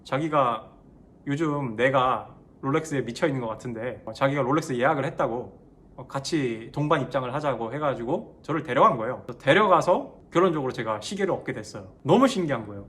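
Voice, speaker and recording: A man telling a personal story in a casual monologue, animated and emphatic, switching between polite and blunt speech. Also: mid-range voice. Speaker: speaker sharing a personal story.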